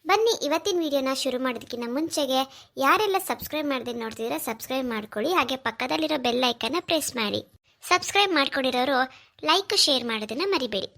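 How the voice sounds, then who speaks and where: A woman's voice: sits high, lively intonation, quick pace, gravelly, bright, forceful tone. A woman hosting a cartoon channel, making a friendly, direct appeal to viewers. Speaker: channel host.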